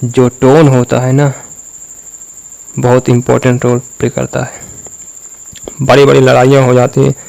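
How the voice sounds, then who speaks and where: A man delivering a motivational talk with a gravelly edge to his voice. His pitch stays very flat even as he speaks straight to the listener, acting out examples to press his points home. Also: unhurried, pauses often, poor audio. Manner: speaks directly to the viewer, dramatizing examples.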